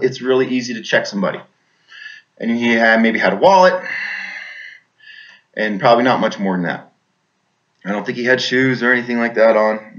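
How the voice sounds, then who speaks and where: A military veteran telling a personal story in a plain-spoken, halting way, often restarting his sentences. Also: mid-range voice, a bit bright, dull audio.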